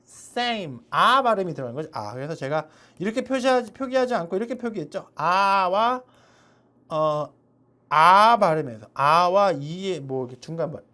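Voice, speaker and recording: A woman leads an online English pronunciation lesson, explaining each letter sound and repeating it slowly for the viewer. Her voice sits a little low yet moves lively up and down as she explains. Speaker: English teacher.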